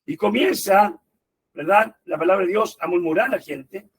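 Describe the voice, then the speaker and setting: A man preaching a sermon in an animated way, often calling his listeners brothers. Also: high voice, normal speed, a little hiss or hum.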